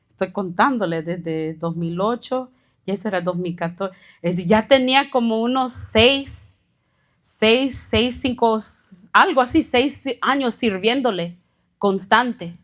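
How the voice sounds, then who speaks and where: A woman pastor giving a sermon testimony, telling her story earnestly and acting out what others said. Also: a little high. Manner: earnest storytelling with warm laughs and acted-out quotes. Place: church.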